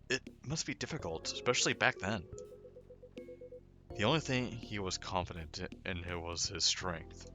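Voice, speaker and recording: A man hosting a game playthrough, reading the characters' dialogue aloud and often stumbling and correcting himself. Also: low-pitched. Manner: hesitant, frequent restarts and self-corrections. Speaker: gaming channel host.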